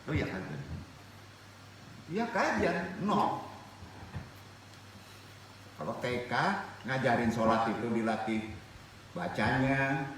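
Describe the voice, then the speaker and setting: A man's voice: mid-range voice, a bit bright, a little hiss or hum. A man from Indonesia teaching a religious study circle, who asks his listeners questions and then answers them himself. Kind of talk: lively spoken sermon. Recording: echoey room, voice from a distance.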